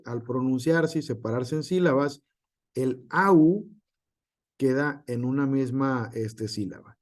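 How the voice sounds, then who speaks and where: Male teacher, online lesson; slow and deliberate, spells out example words, heavy fillers and tag questions. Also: mid-range voice, a little mellow. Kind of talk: online class lecture.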